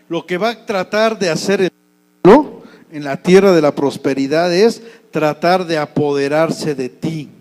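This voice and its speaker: High-voiced Mexican pastor preaching. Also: male voice. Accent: Mexico City Spanish. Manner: conversational preaching, asks the congregation questions. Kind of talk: sermon. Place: church.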